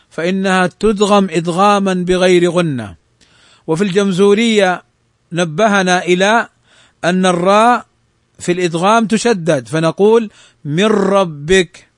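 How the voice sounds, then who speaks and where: A man teaching the rules of Quran recitation, explaining a text and slowly reciting examples to show each rule. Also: sits high, no echo, studio quality. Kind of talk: tajweed lesson explaining a text.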